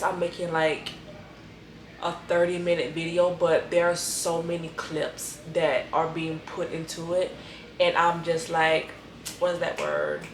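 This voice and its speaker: A woman's voice: fairly low pitch, reverberant. A woman vlogging casually at home, rambling with lots of "like" and calling her viewers y'all, her nose a bit stuffy. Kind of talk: casual chat to camera. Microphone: camera mic.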